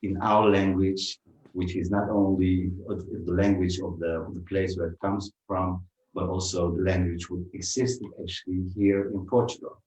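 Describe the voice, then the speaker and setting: A man from Turkey speaks English, his voice low and deep. He talks in a measured, hesitant way with many pauses and fillers. He sounds some way from the mic, in a roomy, echoing space. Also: little pitch movement, darkish tone. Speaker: musician guest. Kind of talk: festival talk in English. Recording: roomy, from far off.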